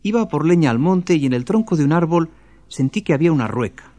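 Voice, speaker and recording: A woman's voice: low-pitched, fast, no echo, pitched above the performer's own voice. A man voicing a gossiping neighbor woman in a folktale. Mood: chatty. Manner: chatty, excited.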